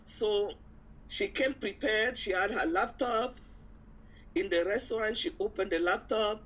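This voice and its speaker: A woman's voice: medium pitch, a little slow, poor audio. A woman guest in an interview, telling a personal story casually and acting out the dialogue as she goes. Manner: animated retelling with acted-out quotes and frequent chuckles.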